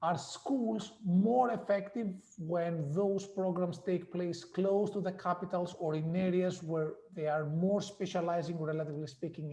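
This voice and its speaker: A man, an economics professor, explaining his research in a measured interview manner with frequent fillers. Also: a little high, mellow, echoey room. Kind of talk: academic interview.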